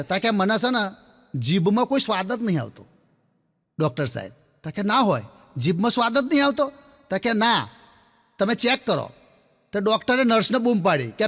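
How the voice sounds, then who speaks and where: A man telling a string of jokes as a stand-up comedian, chatty and laughing, dropping his voice low for the people in his stories. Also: a bit bright, long reverb tail. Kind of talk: Gujarati joke-telling monologue.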